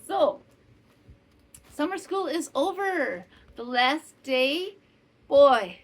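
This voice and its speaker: A woman's voice: sits high, animated, extremely slow, low-quality recording. A woman in her fifties from northwestern Wisconsin, hosting a casual chat podcast at home, rambling with asides and self-corrections. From northwestern Wisconsin, US Midwest. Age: 50s. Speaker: podcast host and maker. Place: home in summer heat with a fan running. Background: faint fan hum.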